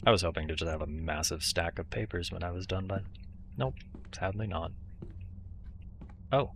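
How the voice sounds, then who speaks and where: Very deep, gravelly man commentating a game. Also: a little fast, fairly bright tone, a little hiss or hum. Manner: muttering asides to himself. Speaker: video game streamer. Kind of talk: casual horror game commentary.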